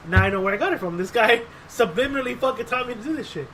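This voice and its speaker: A very high-voiced man talks at a racing clip over a slight hiss or hum. He's a podcast co-host in casual chat, rambling and swearing, acting out quotes as he spins his stories with lots of animation.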